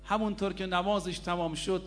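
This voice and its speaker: High-voiced preacher, emphatic. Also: male voice, fairly even intonation, a bit bright, soft background music. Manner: emphatic, addresses listeners directly. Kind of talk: religious sermon with storytelling. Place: religious mourning gathering.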